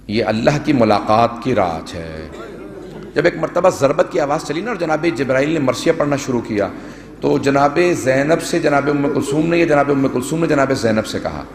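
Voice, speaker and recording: A man, a cleric, delivering a mourning sermon to a gathering, recounting the story earnestly and appealing to his listeners. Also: mid-range voice. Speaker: Shia cleric addressing a majlis. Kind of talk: mourning sermon, narrating tragedy. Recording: echoey hall with long reverb.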